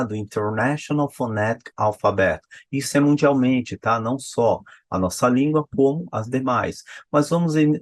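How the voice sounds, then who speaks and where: A man's voice: mid-range voice, no room sound. A Brazilian man with a Brazilian Portuguese accent, explaining pronunciation as a teacher, repeating examples and asking himself questions. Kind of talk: classroom-style explanation.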